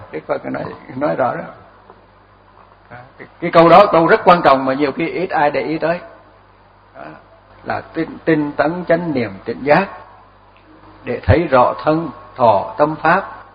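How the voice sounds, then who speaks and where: Older male monk, slightly high voice, easygoing dharma talk with chuckles, dull lo-fi recording. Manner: relaxed storytelling with chuckles and repeated words. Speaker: Buddhist monk teacher.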